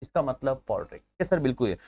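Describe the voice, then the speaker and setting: Energetic coaching teacher, dry sound. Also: male voice, medium pitch, fast, no echo, muffled recording. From India. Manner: energetic, uses memory tricks and asks himself questions; keeps addressing viewers as friends. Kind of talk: live online exam-prep class.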